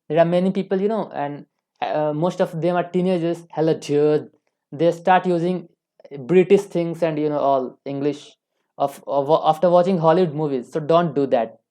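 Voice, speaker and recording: A woman with an Indian accent talks straight to her viewers as an English tutor. Her voice sits low and mellow. She gives earnest advice and often stops to correct herself. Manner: earnest, advising, frequent self-corrections. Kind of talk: instructional talk to camera.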